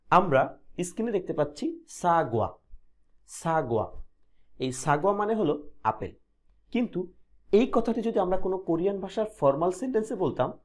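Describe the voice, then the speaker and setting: Lively man teaching grammar. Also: a little high. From Bangladesh. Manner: repeats each example slowly, asks and answers his own questions. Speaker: language teacher. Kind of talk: explaining grammar step by step.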